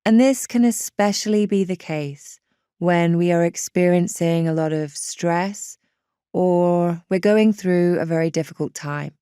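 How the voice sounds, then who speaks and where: A woman guides a meditation at a very slow, reassuring pace, her fairly low voice relaxed, smooth, and soft at the edges. She stays gentle and unhurried throughout, recorded dry in a clean studio.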